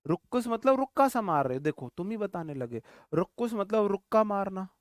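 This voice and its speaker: Male teacher, fairly high voice, dry close recording, animated classroom lecture, repeats words, quick rhetorical questions. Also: no echo. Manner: jokey memory tricks, calls listeners brother. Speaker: English vocabulary teacher.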